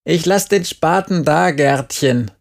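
A man voicing a stubborn, weary old farmer in an audiobook, speaking in a slow, drawn-out grumble. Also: mid-range voice, vocal fry, a little mellow, full character voice. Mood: grumbling. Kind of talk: audiobook character voice.

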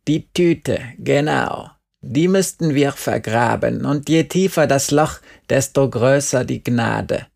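A man playing a grumbling old farmer, stubborn, weary, slow drawn-out speech, gravelly, audiobook reading. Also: medium pitch, a little mellow. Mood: coaxing. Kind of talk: audiobook character voice.

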